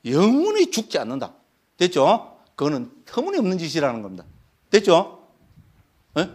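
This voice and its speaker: A man's voice: fairly high pitch, huge pitch swings, normal speed, husky. A middle-aged man giving a Buddhist dharma talk as a monk, emphatic and forever asking his listeners if they follow. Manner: emphatic, constantly checking with listeners; mimics chanting and shouts.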